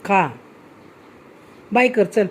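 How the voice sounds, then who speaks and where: A woman's voice: medium pitch, drawn-out words, slight background noise. A woman, casually chatting and teasing her daughter during a meal at home. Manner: teasing, coaxing, laughing often. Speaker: vlogger filming her daughter. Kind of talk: casual family chat.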